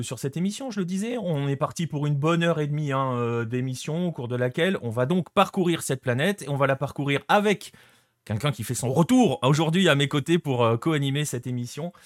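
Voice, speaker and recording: A man hosts a live-streamed show, talking casually and warmly to viewers in the chat, his delivery full of small hesitations and restarts. His voice sits at an ordinary middle pitch. The sound is dry and close, with no room echo. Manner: chatty, hesitant with many fillers, greets chat viewers. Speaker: host.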